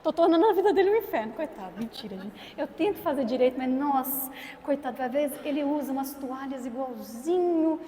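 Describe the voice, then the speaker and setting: A woman's voice: high voice, lively intonation, a little fast, dark tone, slight background noise. A young Brazilian woman teaching a parish consecration class, playful and questioning her audience. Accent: Brazilian Portuguese. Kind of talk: lively parish teaching talk. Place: church hall. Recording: echoey hall with long reverb.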